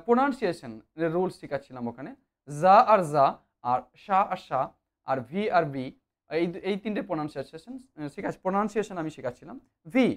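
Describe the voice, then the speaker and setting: Lively, repetitive English grammar teacher. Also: medium pitch. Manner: lively, many drawn-out fillers, repeats key points. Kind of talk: explanatory online lesson.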